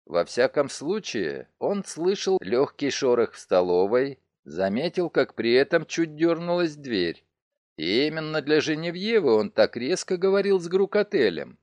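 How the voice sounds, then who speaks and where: A man narrating a detective novel in an expressive reading. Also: medium pitch, dry recording. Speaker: audiobook narrator. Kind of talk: scripted narration.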